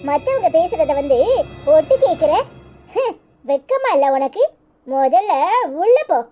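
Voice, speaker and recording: A woman voicing a sharp-tongued young village wife in a cartoon comedy, with a Kanyakumari Tamil accent and a scolding manner. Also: high-pitched, big pitch swings, measured pace, music in the background. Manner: scolding, dismissive.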